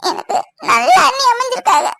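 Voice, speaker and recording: Woman voicing a very high tearful young woman. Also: very animated, brisk, noisy background, exaggerated voice. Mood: tearful, grateful. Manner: sobbing, emotional pleading. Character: tearful young woman, grateful sister-in-law. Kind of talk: cartoon voice acting.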